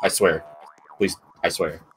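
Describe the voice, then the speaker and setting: Deep-voiced, excitable gamer man. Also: unhurried, background noise. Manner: pleading, excitable. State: a little sick. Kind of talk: casual voice chat while gaming. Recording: game music playing behind. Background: game music.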